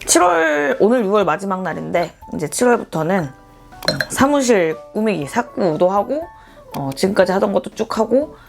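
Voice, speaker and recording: A woman talks casually to her viewers in an eating vlog. Her voice sits at a medium pitch, and she slips in playful, self-mocking asides. Light music plays behind her. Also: very animated, normal speed, gravelly. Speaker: mukbang vlogger. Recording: background music under the voice.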